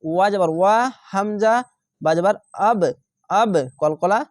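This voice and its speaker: Taking it slowly, a high-voiced man patiently teaches Quran reading, spelling Arabic letters and syllables one at a time for learners. He is methodical, repeating syllables and drawing out long vowels, and there's no echo.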